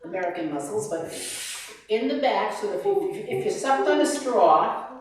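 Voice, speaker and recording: A woman vocal coach teaching a master class, animated, demonstrating sounds and sung lines. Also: medium pitch, moderate pace. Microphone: distant room mic. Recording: very echoey room from far off.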